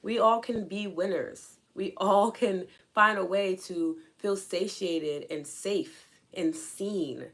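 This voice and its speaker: A young adult woman hosting a spiritual coaching livestream, talking casually and earnestly, answering her chat and asking questions out loud. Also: medium pitch, slow pace, few pauses. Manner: earnest, questioning, animated asides.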